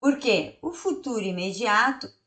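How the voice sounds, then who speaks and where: A woman whose first language is Portuguese, teaching an English grammar lesson, reading English examples slowly and then translating them. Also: fairly high pitch, animated, a bit bright, reverberant.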